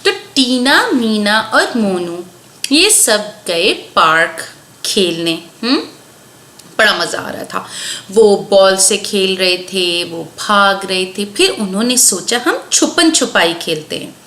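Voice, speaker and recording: Slow, lively woman telling a children's story. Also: mid-range voice. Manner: slow, animated, with drawn-out sound words. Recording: echoey room, faint background noise.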